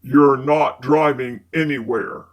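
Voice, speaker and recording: Woman reader doing a smooth gallant 50s guy, low and coaxing, takes his time. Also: fairly even intonation, takes it slowly, heavily acted. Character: suave protective 1950s man, gallant and teasing.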